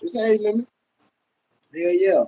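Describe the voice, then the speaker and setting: A man, hosting a casual livestream rant. He talks loudly and profanely to his viewers, laughing often. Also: sits high, normal speed, lo-fi sound, a little hiss or hum. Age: 30s. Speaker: livestream host.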